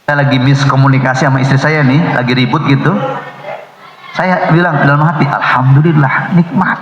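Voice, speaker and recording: A man's voice: medium pitch, steady tone, moderate pace. A middle-aged man preaching a Ramadan dawn sermon, joking and acting out little dialogues. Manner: joking, storytelling, acts out dialogue. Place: mosque hall. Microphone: recorded off a loudspeaker upstairs. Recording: muffled echoey loudspeaker recording. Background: children's noise.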